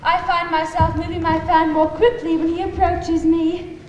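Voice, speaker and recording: A woman's voice: very high voice, flat delivery, moderate pace, a little mellow, dull audio. A woman playing a gushing young society lady in a stage musical comedy. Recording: echoey hall, clear background noise.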